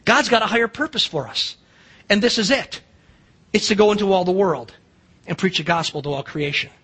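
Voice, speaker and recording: A middle-aged pastor from the United States speaks a little fast in a high voice with a sharp, slightly rough edge. His American-accented preaching is emphatic, with rhetorical questions and acted-out exchanges.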